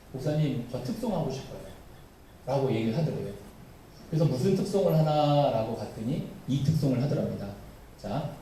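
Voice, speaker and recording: A man's voice: mid-range voice, mellow, a little hiss or hum. A male pastor preaching a sermon, animatedly addressing his congregation. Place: church sanctuary. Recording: very echoey church hall, voice from far off.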